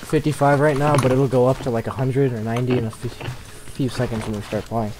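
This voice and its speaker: An eighteen-year-old American man chats casually while streaming a game, teasing and laughing often. His voice sits at an ordinary pitch. Keyboard clicks and noise run clearly under the recording. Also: fairly even intonation, a little fast. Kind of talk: casual gaming chat. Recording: noisy, keyboard clicks behind.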